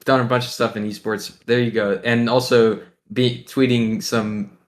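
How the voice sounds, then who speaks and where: A man's voice: medium pitch, little pitch movement, moderate pace. A teenage boy from Ohio, a pro gamer being interviewed, talking in a laid-back, rambling way with lots of fillers and chuckles. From Ohio, USA. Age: teens. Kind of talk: casual interview.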